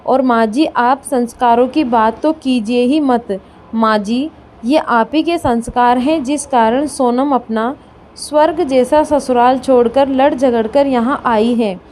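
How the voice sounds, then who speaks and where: A woman voicing a firm, composed young daughter-in-law who reasons calmly in a storybook reading. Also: sits high.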